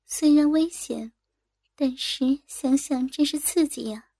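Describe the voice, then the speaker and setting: Woman storyteller, high mellow voice, intimate unhurried reading, dry close recording. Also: gravelly, dry recording. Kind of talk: first-person story reading.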